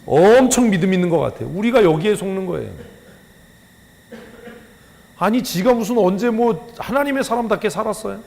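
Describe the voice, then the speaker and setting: A man preaching a sermon as pastor, firing rhetorical questions at the congregation and swinging from loud scolding to hushed emphasis. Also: sits high, lively intonation, moderate pace, creaky, pauses often. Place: church sanctuary. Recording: long church hall reverb.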